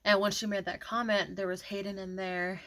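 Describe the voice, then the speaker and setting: A woman's voice: medium pitch, flat delivery, normal speed, a bit bright. A young woman vlogger telling a casual story-time rant, chatty and exasperated, with lots of filler words.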